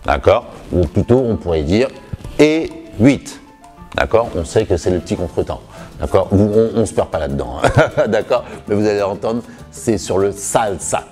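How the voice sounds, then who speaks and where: Lively low-voiced male dance teacher. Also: moderate pace, soft background music. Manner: lively, encouraging, counts beats with sung emphasis. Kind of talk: home dance lesson, counting steps aloud.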